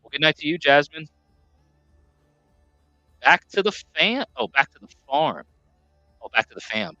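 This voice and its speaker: Rambling New man, bright tone. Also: on the high side, very animated, measured pace, dry recording, lo-fi sound, faint music behind. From New York, USA. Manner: rambling, self-correcting. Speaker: live stream host. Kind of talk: casual chat reading viewer comments.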